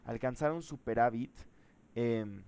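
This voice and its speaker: A man's voice: medium pitch, measured pace, darkish tone, clear, resonant tone. A man teaching a live programming class, thinking aloud and asking the students questions.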